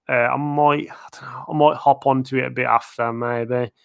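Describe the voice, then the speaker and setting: Steady in tone and smooth with some vocal fry, this man's medium-pitched voice keeps a moderate pace. He's a theme park video creator chatting casually through a live-stream Q&A in his living room, rambling with fillers and chuckles. His voice is wearing out as he loses it.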